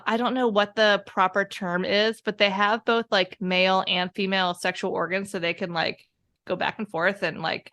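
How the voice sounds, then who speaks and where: A woman guest in a casual conversation, telling animated stories and laughing often. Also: mid-range voice. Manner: chatty, animated storyteller who laughs often. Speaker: podcast guest.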